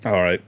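Animated, playful young man gaming. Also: sits high, slightly rough. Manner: playful, mock-dramatic exclamations. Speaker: let's play gamer. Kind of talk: casual gameplay commentary.

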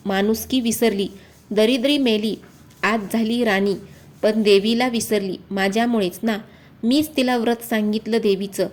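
Old woman, stern and wrathful, woman reader doing the voice, slow delivery, folk tale. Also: mid-range voice, natural voice.

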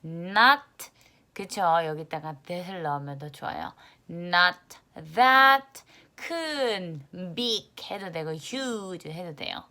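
A young woman teaching English in an online lesson, lively, stressing the English words loudly and acting out her students' reactions. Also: fairly low pitch, extremely slow.

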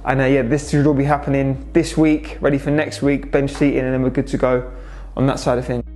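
Speaking to camera inside a big interior, this young restaurant owner from England walks viewers through the renovation in a casual, matter-of-fact vlog update full of "so" and "obviously." His mid-range voice is brisk, level and darkish in tone, with faint music in the background.

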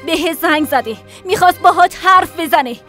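A sharp, angry young daughter. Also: female voice, extremely high pitch, faint music behind. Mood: accusing. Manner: angry, accusing. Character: angry young adult daughter confronting her father. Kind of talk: Persian dub of a TV drama.

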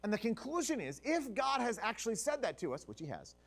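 A man preaching a revival sermon in a church, dropping to a hush and surging up again for emphasis. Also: very high voice, brisk, vocal fry. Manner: animated, drops to a hush and surges up for emphasis. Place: church sanctuary.

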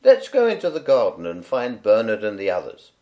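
A man doing a brisk, cheery party mum. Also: fairly low pitch, wildly swooping pitch. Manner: bright and cheery, sharpening to stern. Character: kindly but strict mother hosting a party.

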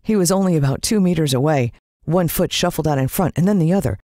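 This woman from the United States narrates an audiobook in a deep, mellow voice, talking fast yet still drawing out words for dramatic suspense. There is no room sound, and the studio audio is clean.

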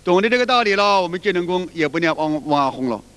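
A man's voice: sits high, animated, fast talker, fairly bright tone. A man. His talk is folksy and repetitive, and he breaks into sung demonstrations. The sound carries a long reverb, as if recorded in a hall. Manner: folksy, repeats himself, demonstrates chants aloud. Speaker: qigong teacher. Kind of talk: colloquial spoken lecture.

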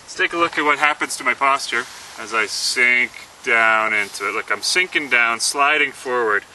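A man, the inventor, presenting and demonstrating his product in an earnest pitch, talking through each movement. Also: normal speed, bright, forceful tone. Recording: slightly distant mic, faint outdoor noise.

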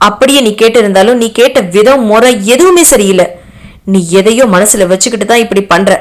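A woman's voice: on the high side, brisk, lightly acted. A woman voicing a young man who pleads in a raised, emotional voice. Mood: pleading. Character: young man pleading, then angry and defiant.

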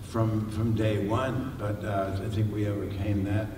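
An older man answering audience questions on a panel, halting with many fillers and restarts. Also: on the low side, flat delivery. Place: large library hall with audience. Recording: echoey hall, distant mic, noisy.

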